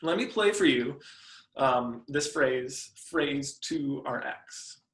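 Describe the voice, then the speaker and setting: A man's voice: mid-range voice, animated, slow pace, fairly bright tone. Man giving a piano lesson, echoey room. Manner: friendly explanatory, hums melodies. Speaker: piano teacher. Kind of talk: instructional video lesson.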